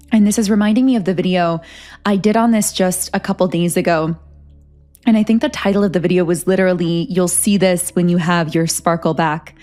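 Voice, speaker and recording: A woman reading tarot for her channel, speaking in an earnest, flowing way with a medium-pitched voice. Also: darkish tone. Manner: earnest, flowing, self-aware of speaking fast. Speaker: tarot reader. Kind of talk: spiritual channeling monologue.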